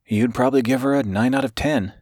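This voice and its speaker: A quick, curt young office secretary, played by a man reading an audiobook, pitched a few steps above his own low voice and a little louder. she clips her answers short and talks fast. the sound is dry and close. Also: dry recording, lightly acted. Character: brisk, sharp-tongued young female secretary.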